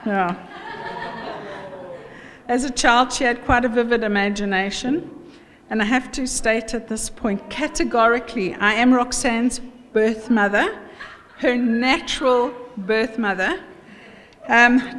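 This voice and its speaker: A middle-aged South African woman gives an informal wedding toast as mother of the bride, chatty, jokey and halting. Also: on the high side, fairly bright tone. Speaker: mother of the bride giving a speech. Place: wedding reception room. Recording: echoey hall, background noise.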